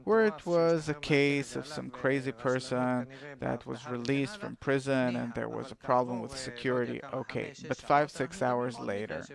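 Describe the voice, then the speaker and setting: A man with a gravelly, creaky voice at a middle pitch. He interviews a guest and presses with puzzled, probing questions.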